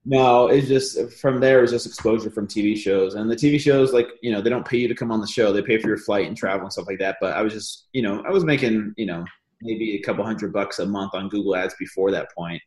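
A man's voice: fairly low pitch, fast talker. Casual male guest in a roomy room. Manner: relaxed storytelling with many fillers. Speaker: podcast guest. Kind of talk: casual conversational interview.

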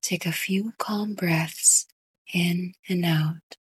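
A woman guiding a sleep meditation in a soft, breathy whisper. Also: fairly low pitch, fairly even intonation, dry recording, rough recording. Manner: slow, soft whispered delivery. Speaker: meditation guide.

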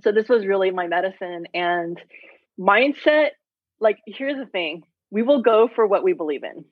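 This guest, a health coach in her forties, shares an animated, candid retelling in an interview, heavy on fillers like "like" and "you know". Her husky, medium-pitched voice moves at a moderate pace. It comes over a thin, tinny, phone-like line in a dry recording with no surrounding room.

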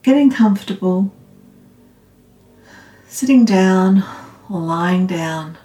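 A woman guiding a meditation in a calm, meditative, soothing tone, unhurried and leaving long pauses. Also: medium pitch. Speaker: meditation guide. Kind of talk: guided loving-kindness meditation. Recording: roomy, slightly echoing sound.

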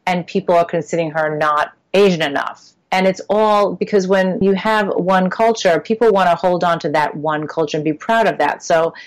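Woman guest, lowish voice, earnest, explains stuff, acts out other people's questions. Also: fairly even intonation, normal speed, few pauses. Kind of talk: conversational interview.

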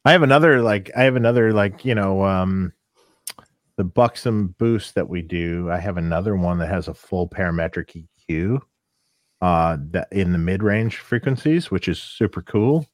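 A man's voice: deep voice, moderate pace, dry recording, clean studio sound. A man co-hosting a casual podcast, thinking aloud about gear and products with many fillers. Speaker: co-host and gear maker.

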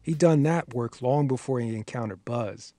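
A man narrating a documentary in a measured, scripted, explanatory way. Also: mid-range voice, mellow.

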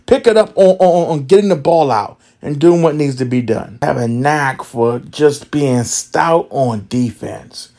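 Excited rambling sports podcaster man. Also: medium pitch, measured pace, few pauses. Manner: excited, rambling, lots of fillers and restarts. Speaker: podcast host. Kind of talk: casual sports podcast chat.

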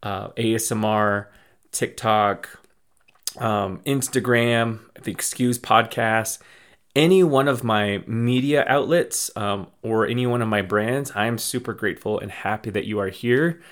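A man with a slightly low voice talks through a loose, casual update as a podcast host. He rambles, starts over mid-sentence and repeats his thanks in an effusive, grateful way. He is from the southwestern United States. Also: unhurried, a bit bright. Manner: rambling, restarts and repeats phrases. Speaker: podcast host and small business owner.

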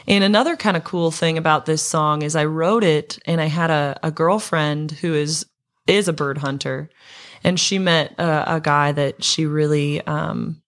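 Brief: young woman singer-songwriter guest, unhurried and chatty, with lots of fillers and restarts. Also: low-pitched, fairly bright tone. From Montana. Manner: storytelling with many fillers and restarts. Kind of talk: casual chat.

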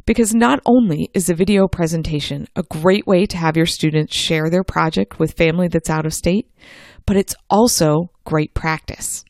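A woman's voice: on the low side, moderate pace, a little mellow, no echo, studio quality. A middle-aged woman presenting a scripted instructional science show in an upbeat, encouraging manner. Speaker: host of a homeschool science show. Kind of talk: scripted podcast narration, instructional.

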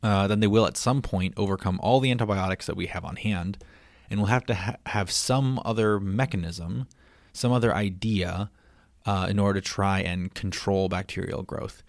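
A man's voice: low voice, moderate pace, creaky, no echo, studio quality. A man hosting a casual science podcast, chatty and playful, with frequent ums and asides. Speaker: podcast host.

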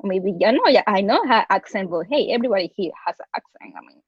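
An Ecuadorian para-rower with a Latin American Spanish accent tells a personal story as a guest in a casual interview, restarting often and acting out quotes. Her mid-range, husky voice is animated and quick, the audio dull with no echo.

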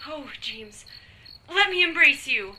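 Young female lead, played by a woman, retro radio drama: girlish, wide-eyed, anxious, very high pitch, slow drawn-out lines. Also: lively intonation, bright, forceful tone, slight background noise, full character voice. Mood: distraught.

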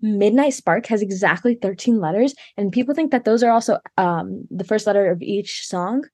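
A woman's voice: mid-range voice, normal speed, darkish tone, dry recording, studio quality. A woman vlogging in casual chat, rambling with lots of fillers and restarts.

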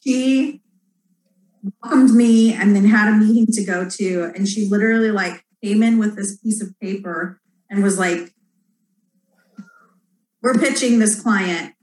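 A woman in her thirties from Houston, answering interview questions about running her PR agency in a lively, candid way. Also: mid-range voice, moderate pace, reverberant, rough recording. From Houston, Texas. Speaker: public relations agency owner.

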